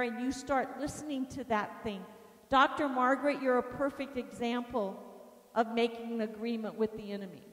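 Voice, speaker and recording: A woman minister teaching a deliverance class, telling stories in an animated way and acting out quotes. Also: fairly high pitch. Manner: animated storytelling, acts out quotes. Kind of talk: teaching sermon with personal stories. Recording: reverberant hall.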